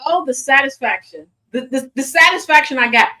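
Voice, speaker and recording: A woman's voice: high voice, lively intonation, fairly quick, very noisy. A woman hosting a casual commentary show in a sassy way, often breaking into laughter. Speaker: host.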